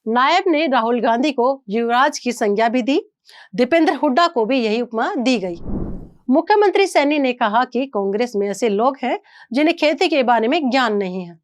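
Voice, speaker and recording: Female news presenter, scripted narration, slightly high pitch, measured delivery. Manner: measured, even reading.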